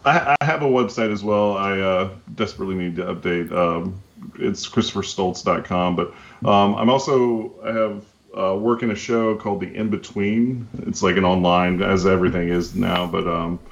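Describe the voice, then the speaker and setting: A man's voice: sits low, steady tone, normal speed, dull audio. A man speaking as a guest photographer on a podcast, rambling casually with many fillers and restarts.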